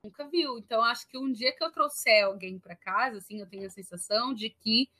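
A woman with a Brazilian Portuguese accent in casual chat, a lively storyteller who laughs often. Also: on the high side, brisk.

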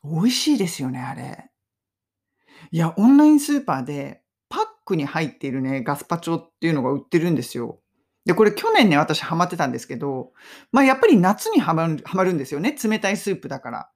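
A woman hosting a casual podcast lesson on English phrases, chatty and upbeat, laughing often and slowing down to drill phrases. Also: low voice, very animated, darkish tone.

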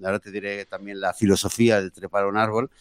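A man's voice: fairly low pitch, little pitch movement, fast, smooth, no room sound, studio quality. A man co-hosting a casual podcast chat, a father telling a story with many fillers and restarts. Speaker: podcast co-host; father of daughters.

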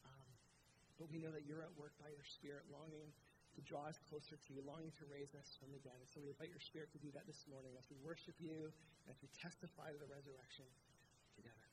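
A man's voice: fairly high pitch, steady tone, fast talker, long reverb tail, noisy background. A man pastor giving an earnest Easter sermon and prayer to his congregation. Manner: earnest, rising and falling emphasis. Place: church sanctuary.

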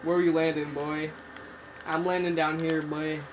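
A young man chatting casually while gaming, goofy and rambling, slipping into half-sung nonsense and sudden yells. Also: on the high side, little pitch movement, moderate pace, lo-fi sound, background noise. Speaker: gamer co-host. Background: game music.

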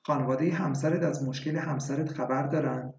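A man reading a story voices a doctor who asks measured, probing questions. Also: mid-range voice, steady tone, a little mellow, close to an everyday voice. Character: calm questioning male doctor. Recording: echoey, dull lo-fi recording.

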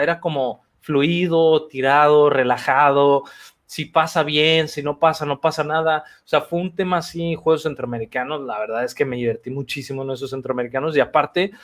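Middle-aged Mexican athlete guest, slangy and animated, slightly higher voice. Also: male voice. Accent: Mexican Spanish. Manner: relaxed, slangy, animated retelling. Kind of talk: casual interview storytelling.

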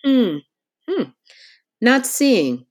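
A woman's voice: a little high, sing-song, extremely slow, full character voice. A woman playing an unflappable, officious airline agent with a polished customer service voice in a comedic phone drama. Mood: procedural, unruffled.

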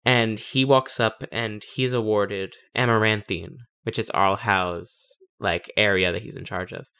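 A man chats casually as co-host of a game commentary. His voice is on the low side, and he talks through things conversationally. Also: steady tone, a little slow, vocal fry, pushed and bright, clean tone. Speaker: co-host of a game playthrough discussion.

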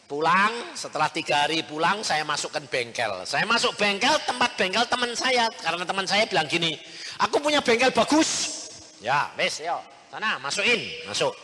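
A man, preaching a storytelling sermon, animated and acting out the people in his story while speaking to his listeners directly. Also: sits high. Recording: reverberant hall with faint ambient noise.

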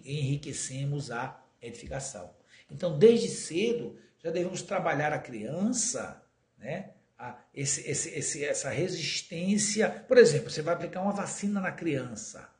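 A man's voice: medium pitch, darkish tone. Earnest man lecturing in an echoey room. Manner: earnest, often stretches words slowly for emphasis. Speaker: spiritist lecturer. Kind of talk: spiritist talk on raising children.

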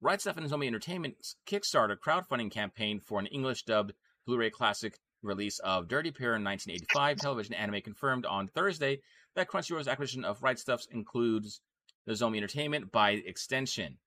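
A man's voice: mid-range voice, expressive, brisk, pushed and bright. A man hosting a casual anime news podcast, rambling with fillers and restarts as he talks. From Texas. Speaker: podcast host.

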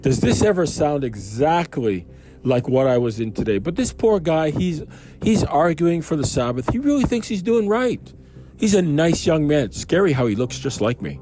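A man's voice: fairly high pitch, big pitch swings, moderate pace, mellow, a little hiss or hum. Man musing casually over a Bible reading. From Canada. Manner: reads scripture aloud then riffs on it conversationally, with asides and questions. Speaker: Bible commentator. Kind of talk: informal Bible reading and commentary.

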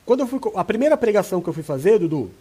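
A man's voice: sits high, rapid-fire, husky. A man, a pastor, giving relationship advice in a casual chat and acting out the people he quotes. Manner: animated, acts out quoted voices. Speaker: pastor and co-host.

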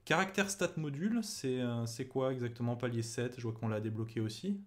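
A man hosts an interview in a casual, chatty way. He often stumbles and restarts his sentences. He asks questions at a steady middle pitch. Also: fairly quick. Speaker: interviewer, game master.

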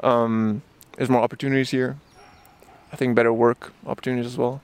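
In a park interview, a man in his twenties speaks fairly quickly in a flat, smooth, slightly mellow mid-range voice. Born in Japan, he grew up in Luxembourg and Barcelona, and his casual talk is full of fillers and restarts.

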